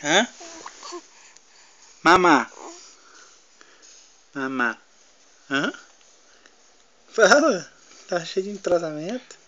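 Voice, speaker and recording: A man's voice: sits high, big pitch swings, very slow, pauses often, pushed and bright. A man coaxing his baby to talk, repeating words in a sing-song, teasing way at home. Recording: dull lo-fi home video.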